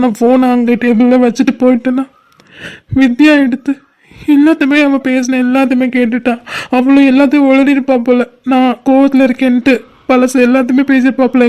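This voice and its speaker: A voice actor playing a heartbroken, emotional young man in an animated comedy-drama, talking in a distressed, pleading way. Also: high voice, lightly acted. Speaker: cartoon character.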